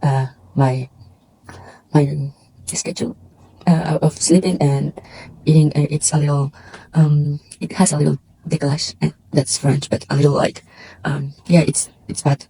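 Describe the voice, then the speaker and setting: Her low voice flat, unhurried, mellow, and slightly rough, a tarot reader with a Mexican Spanish accent chats casually to camera. Sleepless and tired, she hesitates, restarts, and fills pauses often, all captured on poor audio.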